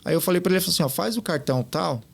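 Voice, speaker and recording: A man talks quickly in a casual podcast interview, his voice a little high and gravelly. He tells his stories with animation and acts out the people in them. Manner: animated, quotes others in lively retellings. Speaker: podcast guest.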